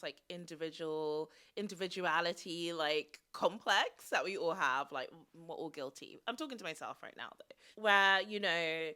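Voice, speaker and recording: Young woman doing chatty vlog talk, bright voice w a bit of vocal fry, kinda self-mocking. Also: fairly low pitch. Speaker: YouTube vlogger.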